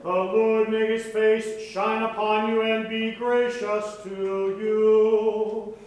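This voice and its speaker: A man leading a church service, intoning prayers slowly in a measured way, his voice ringing with cathedral echo. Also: high-pitched, flat delivery. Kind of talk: spoken and chanted liturgical prayer. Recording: echoey church hall with loud organ.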